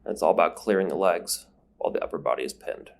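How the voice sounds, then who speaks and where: In a fast, gravelly, low-pitched voice, a grappling instructor explains moves one step at a time. The commentary is a voice-over recorded separately, and he keeps sniffling from a numbed nose.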